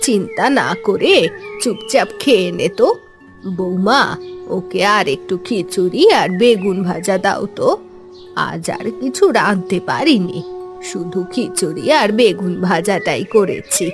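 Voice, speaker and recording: Woman doing a gentle old village mother. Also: medium pitch, expressive, unhurried, over music, natural voice. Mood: caring.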